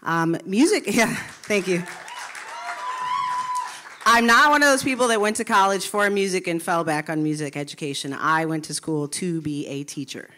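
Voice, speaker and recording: A woman's voice: on the low side, normal speed, sharp tone, a faint crowd, slight background noise. A woman in her thirties from Milwaukee, a public school music teacher, telling her own story in earnest at a live talk on stage. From Milwaukee, USA.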